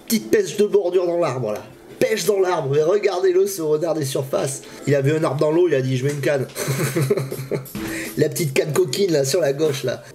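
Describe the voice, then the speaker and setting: A man with a high, bright voice gives casual reaction commentary on a fishing video. His talk is excitable and full of slang, and he laughs often. Loud background music runs under everything he says. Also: normal speed. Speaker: YouTube fishing channel host.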